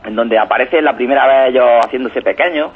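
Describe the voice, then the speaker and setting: A man's voice: medium pitch, quick pace, husky. A man rambling enthusiastically about comics on a radio show, often asking "¿no?". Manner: enthusiastic, rambling, keeps tagging "¿no?". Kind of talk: casual radio chat. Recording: tinny phone-like radio audio.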